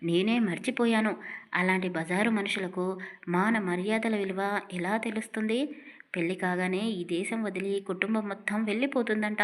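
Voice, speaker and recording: A woman's voice: medium pitch, steady tone, normal speed, natural voice. A woman voicing a bitter, scheming grandmother in her later years in a storybook audio drama, speaking in a scornful, cutting manner. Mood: furious.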